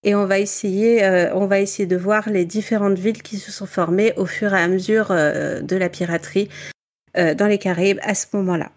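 A woman's voice: mid-range voice, steady tone, normal speed. A woman talking casually in a book club, presenting a novel with many fillers and frequent laughter.

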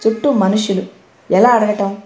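A woman reads a story aloud at a medium pitch, and her voice rings in a roomy, echoey space. She gives the characters' dialogue small shifts of voice while keeping to steady narration. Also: normal speed, faint music behind. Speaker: audiobook narrator.

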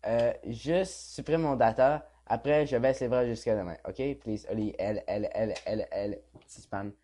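Young quebec french dude reading chat logs out loud, mumbly, swears a lot. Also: male voice, mid-range voice, measured pace. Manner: casual, mumbly, offhand swearing. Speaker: gaming vlogger. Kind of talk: reading a chat log aloud.

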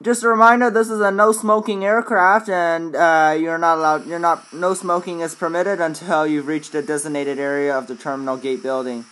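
A man's voice: a little high, steady tone, moderate pace, few pauses, fairly bright tone, poor audio. A man delivering a formal airline cabin announcement in scripted phrasing, like a flight attendant addressing passengers. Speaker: video host, flight simulator player.

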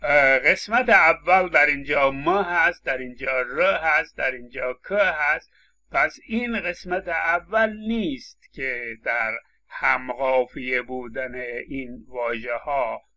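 A man lecturing on linguistics in Persian, hesitant, with many drawn-out fillers and pauses. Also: on the high side, bright, forceful tone. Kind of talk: recorded lecture.

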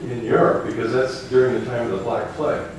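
Male audience member, mid pitch, curious questions, distant in an echoing room. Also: fairly even intonation, fast, noisy background. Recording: echoey room from far off.

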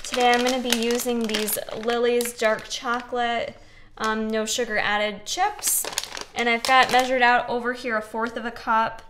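Young woman, cooking show host, fairly high voice, chatty, encouraging, home kitchen, faint clatter of dishes. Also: little pitch movement, moderate pace, noisy background. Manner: chatty and encouraging, talks while mixing and cutting. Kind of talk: casual cooking demonstration.

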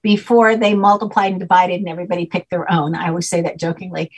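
A woman's voice: fairly low pitch, level tone, fast, husky, low-quality recording. An older woman, a guest, explaining her subject at length in a patient, teacherly way, often checking in with "okay?", speaking over a video call from home. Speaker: guest name expert. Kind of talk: explanatory interview talk.

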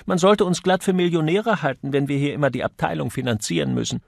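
A man putting on a shrill indignant office girl. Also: big pitch swings, slow pace, creaky, no room sound, clean studio sound, full character voice. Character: indignant young woman office clerk.

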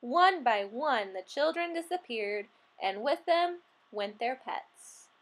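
Expressive woman reading a picture book. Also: high voice, takes it slowly. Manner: expressive, acts out animal sounds. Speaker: storybook reader.

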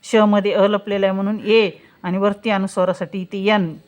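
A woman teaches a spelling lesson step by step, stretching out example words slowly and posing questions she then answers herself. Her voice is medium-pitched with a flat delivery.

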